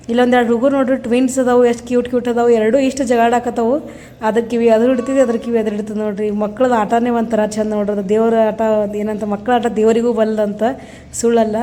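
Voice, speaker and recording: A woman's voice: on the high side, warm tone, a little hiss or hum. A mother with a North Karnataka Kannada accent narrating a casual vlog into her phone, chatty and always pointing things out to viewers. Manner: chatty, keeps saying "see" to viewers. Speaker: mother vlogger.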